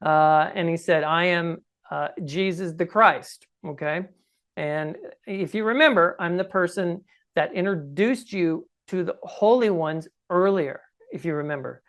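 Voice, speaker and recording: There's a fairly high pitch and a fairly bright tone to this unhurried voice, which belongs to a man in his sixties with a scratchy quality. As a podcast guest, he relates his own experiences in emphatic, conversational storytelling, often asking "okay?" or "right?".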